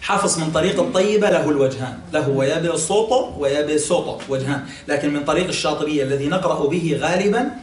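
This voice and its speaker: A man teaching a classroom religious lesson, explaining patiently, quizzing listeners and pausing on fillers. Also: a little high, slight background noise. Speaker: sheikh teaching Quran exegesis. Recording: echoey room, mic at a distance, faint ambience.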